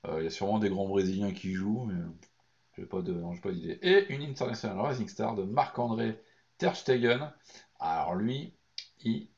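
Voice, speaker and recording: Hoarse low-voiced man, gravelly fry, eager unboxing commentary with lots of hesitations, muffled lo-fi sound. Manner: excited, chatty, frequent hesitations. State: hoarse, lost voice from shouting. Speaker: card collecting YouTuber. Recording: dull lo-fi recording.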